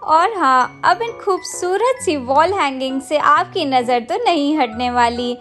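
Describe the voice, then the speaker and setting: A woman's voice: high voice, lively intonation, slow pace, fairly bright tone, soft background music. A woman narrating a travel vlog, talking straight to her viewers with plenty of enthusiasm. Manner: enthusiastic, addresses viewers directly. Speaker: travel vlogger.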